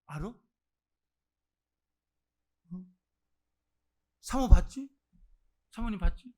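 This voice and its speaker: A man preaching a Sunday sermon as pastor, swinging between loud exclamations and near-murmurs and putting direct questions to the congregation. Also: high voice, animated, drawn-out words. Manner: acts out voices of those he quotes. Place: church service.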